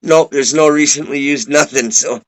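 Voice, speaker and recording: A man's voice: on the high side, steady tone, normal speed, slight background noise, poor audio. A man interviewing a guest over a video call, laid-back and rambling, swearing casually. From Minnesota.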